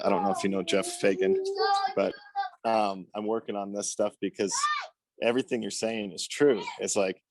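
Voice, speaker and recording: A lower-voiced man speaks into his phone outdoors, and his sound is dry and close. He is out of breath and rambles eagerly, with lots of ums and likes. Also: dry recording. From Utah. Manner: enthusiastic, rambling, many fillers. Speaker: meeting participant. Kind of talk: casual video call talk. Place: outdoors, windy. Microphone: phone on a video call.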